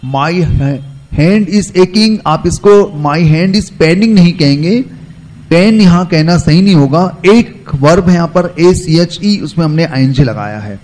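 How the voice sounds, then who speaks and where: A man teaching English in Hindi, who draws out each example sentence slowly and explains more quickly, often addressing viewers as friends. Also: on the high side, a little mellow, rough recording. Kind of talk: spoken English lesson in Hindi.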